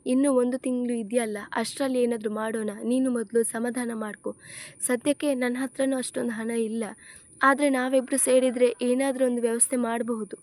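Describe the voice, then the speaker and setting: A woman's voice: fairly high pitch, flat delivery, moderate pace, a little mellow, lightly acted. A woman voicing a caring young female friend who comforts and reassures. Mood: comforting.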